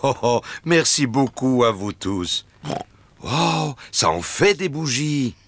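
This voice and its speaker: A man's voice: mid-range voice, sing-song, takes it slowly, fairly bright tone, slight background noise. A man voicing a jolly, good-natured daddy pig in a children's cartoon, with a hearty, jovial manner. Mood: touched, jolly.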